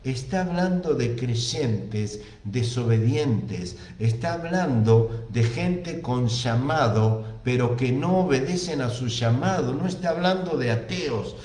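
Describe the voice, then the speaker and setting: Argentine preacher with an emphatic, echoing voice. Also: male voice, mid-range voice, animated, takes it slowly, few pauses, a little mellow. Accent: Argentine Spanish. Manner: emphatic, repeats phrases for stress. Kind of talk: sermon with scripture reading.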